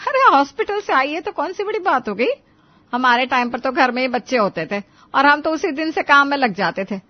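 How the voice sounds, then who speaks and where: A woman's voice: sits high, animated, fairly quick, lo-fi sound. A bossy, scolding mother-in-law. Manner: scolding, taunting, complaining. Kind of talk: animated story voice acting.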